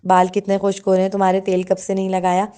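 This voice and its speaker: A woman's voice: medium pitch, completely flat delivery, dark tone, clear, resonant tone, natural voice. Woman reading a loving old grandmother. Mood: affectionate.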